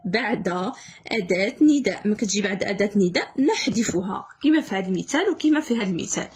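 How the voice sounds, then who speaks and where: A woman's voice: fairly high pitch, slight background noise. A young woman with a Moroccan accent, correcting an exam as a teacher, repeating key words and answering her own questions.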